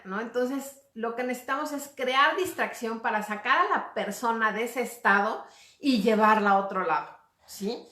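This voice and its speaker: A communication coach with a slightly high, a bit bright voice gives a casual lecture to viewers. She speaks conversationally, checking in with little tag questions, and the recording has a roomy echo.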